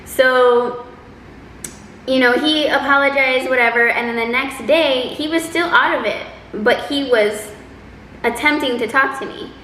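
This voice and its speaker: High-voiced woman telling a casual story. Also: a little slow. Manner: animated, exaggerating delivery with acted-out quotes. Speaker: vlogger telling a personal story. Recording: roomy echo, faint background noise.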